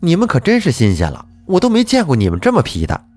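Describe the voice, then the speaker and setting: A man doing a shrill scolding aunt. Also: wildly swooping pitch, fast talker, a little mellow, faint music behind. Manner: scolding, exasperated. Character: scolding middle-aged aunt, sharp-tongued.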